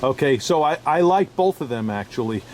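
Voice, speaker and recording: A man's voice: medium pitch, lively intonation, a little fast, slight background noise. A man with a New York accent, a diamond dealer talking through a casual, unscripted review, chatty and chuckling often. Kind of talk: casual product review vlog.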